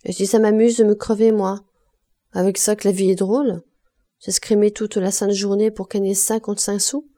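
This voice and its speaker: A woman putting on a worn-out young laundress with a bitter, reckless streak. She tells her tales brashly and cynically, in a warm, mellow tone. It is the reader's own voice, barely changed. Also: medium pitch, level tone, moderate pace, close to an everyday voice. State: hoarse cough.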